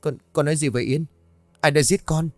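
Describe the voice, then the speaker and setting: A man's voice: expressive, fairly quick, dry recording, faint music behind, close to an everyday voice. A man playing a wailing old mother. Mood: anguished. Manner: high, wailing, anguished. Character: frantic grieving old mother.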